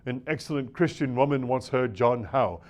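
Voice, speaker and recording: A man giving a scripted reading of a nineteenth-century lecture to preachers, in a measured, oratorical delivery with shifting emphasis. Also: medium pitch, a little mellow. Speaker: reader of a classic lecture.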